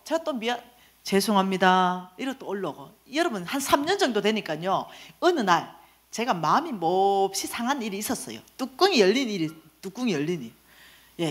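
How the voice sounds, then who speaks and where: Animated woman telling church testimony. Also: medium pitch. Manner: animated storytelling, acting out quoted voices. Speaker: church lay minister and lecturer. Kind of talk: testimony in a church finance seminar.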